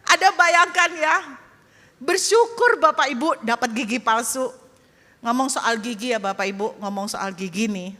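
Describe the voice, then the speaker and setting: A woman pastor preaching in a lively storytelling style, turning often to address her congregation directly. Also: fairly high pitch. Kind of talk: storytelling sermon. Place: church hall. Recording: echoey church hall.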